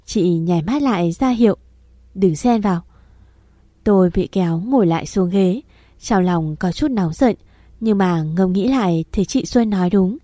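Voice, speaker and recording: A woman narrating a first-person story in a steady, even way. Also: lowish voice, normal speed, dry recording, studio quality.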